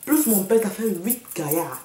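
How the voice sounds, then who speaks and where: A woman's voice: medium pitch, animated, moderate pace, dark tone. A woman delivering a sassy, mocking comic rant to the camera, slipping into English and slang. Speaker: comedian vlogger. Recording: echoey room, a bit far from the mic.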